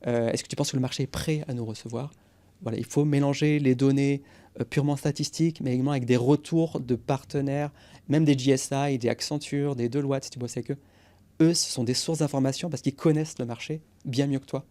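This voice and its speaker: A man's voice: medium pitch, fairly even intonation, a little fast, dark tone. A man in his forties, a guest on a podcast interview, explaining go-to-market strategy with energy and English business jargon.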